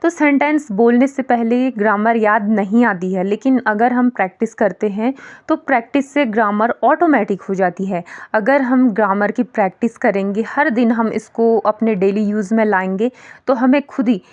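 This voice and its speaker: A woman teaching beginner English grammar, patiently explaining each point with simple examples and reading the example sentences slowly and clearly. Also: fairly high pitch, darkish tone, dull audio.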